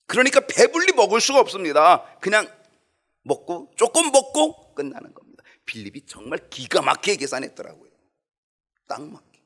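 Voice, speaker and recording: A man preaching a Sunday sermon as pastor, with animated delivery that swings from loud to hushed. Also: high voice, normal speed. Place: church sanctuary.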